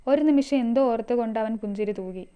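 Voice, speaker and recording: Clear-voiced woman narrating a story. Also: a little high, fast talker, lo-fi sound. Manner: reads all characters herself, mostly in her own voice.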